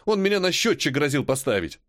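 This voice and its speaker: A man's voice: a little high, sing-song, fairly quick, fairly bright tone, no room sound, studio quality. A man voicing a whining, wheedling teenage schoolboy who pesters his classmate, in an audiobook. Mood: whiny. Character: whiny cowardly teenage boy, a pestering schoolmate.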